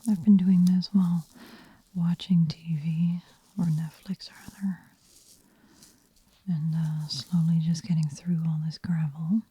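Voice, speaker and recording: A woman speaking in a hushed, whispery voice as an ASMR host, gentle and unhurried. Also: on the low side, level tone, slightly rough. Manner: slow, unhurried, gentle murmur. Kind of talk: soft-spoken ASMR.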